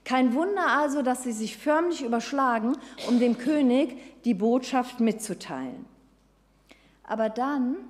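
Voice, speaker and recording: A woman's voice: high-pitched, darkish tone, long reverb tail. A woman preaching a sermon who retells the story vividly and speaks straight to her listeners. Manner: storytelling, addresses listeners directly.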